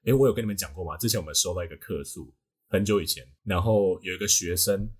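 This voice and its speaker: A husky male podcast host with a Taiwanese Mandarin accent and a slightly low pitch. He explains things in a casual, teacherly way, often hedging and repeating a phrase as he works toward his point. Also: fast, darkish tone.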